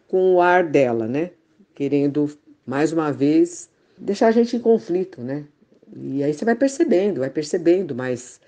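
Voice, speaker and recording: Low-voiced woman, halting and confessional. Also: mellow. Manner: halting, many fillers and restarts. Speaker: conversation partner in spiritual talk. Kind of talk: casual reflective conversation.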